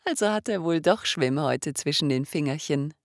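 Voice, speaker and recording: A woman voicing a gentle, cautious water-sprite mother who speaks softly. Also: low voice, lively intonation, normal speed, no echo, clean studio sound, voice pushed up. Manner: soft, hushed.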